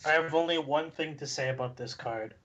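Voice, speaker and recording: A man's voice: fairly high pitch, fairly quick, a bit bright, dull audio, a little hiss or hum. A man in a casual group podcast who laughs through his lines and repeats a catchphrase.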